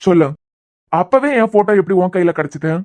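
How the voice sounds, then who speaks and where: A man's voice: high voice, expressive, a little fast, darkish tone, no echo. A man doing a teasing, persistent young hero. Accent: Kanyakumari Tamil. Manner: teasing, pressing questions. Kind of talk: cartoon web series voice acting.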